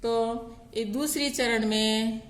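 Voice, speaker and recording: A woman's voice: on the high side, steady tone, slow pace, roomy sound, a little hiss or hum. A woman teaching a grammar lesson on poetic meter, counting syllables aloud one at a time.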